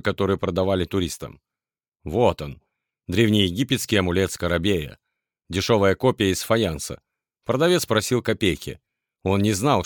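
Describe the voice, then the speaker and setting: A man with a very deep, low voice narrates a first-person tale in a steady, measured storytelling manner. The sound is dry and close, with no room around it, as from a studio booth. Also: dry recording.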